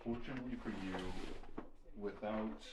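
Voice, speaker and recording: Deep-voiced man running a tabletop game. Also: normal speed, noisy background. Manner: relaxed, rambling, many fillers. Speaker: game master.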